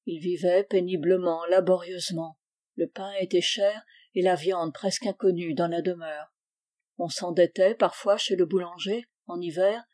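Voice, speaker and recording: Mellow woman reading a classic tale. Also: lowish voice. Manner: measured, even storytelling. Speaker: reader. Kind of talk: literary audiobook narration.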